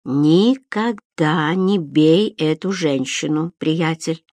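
A woman doing a slow-drawling, menacing man. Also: medium pitch, no echo, close to an everyday voice. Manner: drawls slowly, calm and menacing. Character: cool, steady adult male stranger.

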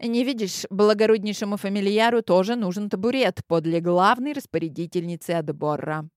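A woman's voice: medium pitch, brisk, no room sound, clean studio sound, lightly acted. Fantasy audiobook familiar: woman plays a small male weasel, cheeky, haughty, self-important. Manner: insolent, haughty. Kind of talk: audiobook character voice.

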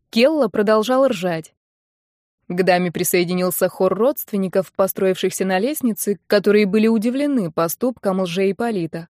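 A woman narrating a first-person audiobook in a lively storytelling manner. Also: mid-range voice, no echo. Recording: dry close-miked audiobook.

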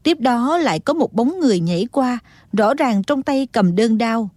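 A woman reads a martial-arts audiobook in a steady, dramatic storytelling manner. Her voice sits fairly high and sounds close and dry, with no room around it. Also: normal speed, no room sound. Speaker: audiobook narrator. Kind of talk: dramatic scripted narration.

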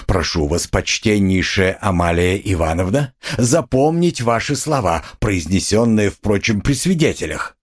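A pompous, scheming gentleman, as a male audiobook reader plays him, coldly polite and formal. the voice is husky and moves up and down a lot. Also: on the low side, animated, unhurried, hardly any pauses. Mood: unctuous. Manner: smooth, unctuous, formal. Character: cold, pompous, scheming middle-aged gentleman. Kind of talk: audiobook character voice.

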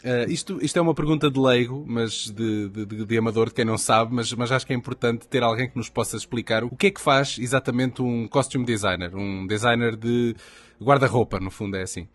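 A man's voice: mid-range voice, brisk. A man hosting an interview, asking informal questions and supplying words when his guest gets stuck.

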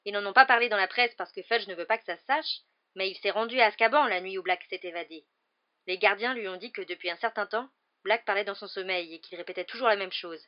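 A woman's voice: mid-range voice, close to an everyday voice. A woman voicing an earnest middle-aged father who presses his point in a storybook reading, with a slightly dull recording. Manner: earnest, insistent.

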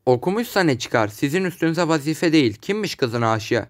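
A man's voice: a little high, lively intonation, brisk, lightly acted. A man reading aloud, voicing an impatient, brusque doctor who snaps at his visitor. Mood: irritable.

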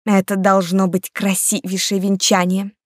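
A woman voicing an emotional, excitable older noblewoman in an audiobook. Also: medium pitch, normal speed, dry recording, clean studio sound, close to an everyday voice. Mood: excited. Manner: excited, sentimental.

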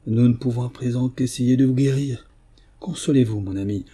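A man's voice: mid-range voice, breathy edge, lightly acted. Figure: a man voicing a caring Buddhist priest. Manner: earnest. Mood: compassionate. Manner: urgent warnings, then gentle compassion.

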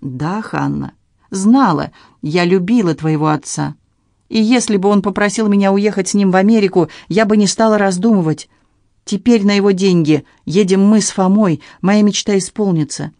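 A woman's voice: medium pitch, normal speed, dark tone, no echo, clean studio sound, natural voice. A woman voicing an older mother who speaks frankly and earnestly to her daughter. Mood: tender.

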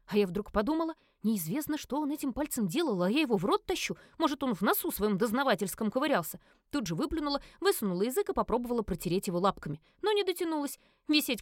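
A woman narrating a first-person fantasy audiobook in a lively, indignant, comic manner. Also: fairly high pitch, no echo, clean studio sound.

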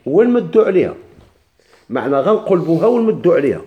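A man with a Moroccan Arabic accent teaching a recitation class. He asks the class questions, answers them himself, and repeats words slowly with many restarts. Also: a little high, sing-song, muffled recording. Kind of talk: classroom lesson explaining a text.

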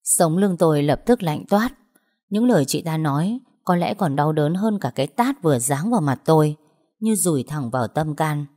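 A woman reads a first-person story aloud from a script. Her voice sits low, with a dark, mellow tone. The telling is earnest and emotional. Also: animated, moderate pace.

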